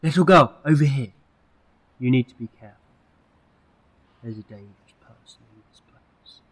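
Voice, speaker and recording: A man's voice: medium pitch, moderate pace, close to an everyday voice, rough recording. A man playing an eccentric, protective time-travelling hero in an amateur audio drama, earnest and theatrical in delivery. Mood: protective pleading.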